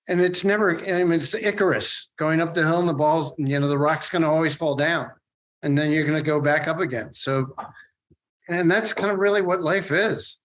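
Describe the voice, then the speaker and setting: A late middle-aged man from the Philadelphia area, a guest artist talking in a casual interview, rambling and halting with many restarts. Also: on the high side, fairly bright tone, rough recording.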